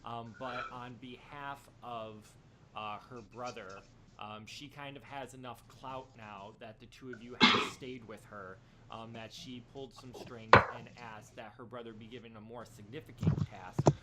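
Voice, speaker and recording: A man running a tabletop role-playing game as game master over an online call, narrating hesitantly with many filler pauses. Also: mid-range voice, fairly even intonation, very noisy. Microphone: computer mic on an online call. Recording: loud keyboard typing behind.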